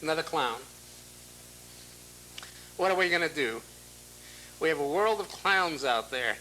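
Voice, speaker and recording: Hosting a live call-in program, a man with a bright, fairly high voice sounds gruff and exasperated as he curtly brushes callers off. He's animated but unhurried. The public-access TV audio is noisy, with an audible buzz.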